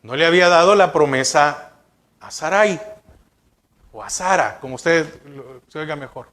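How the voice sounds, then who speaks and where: A man's voice: on the high side, a little slow, fairly bright tone. A male pastor preaching a sermon, asking the congregation rhetorical questions.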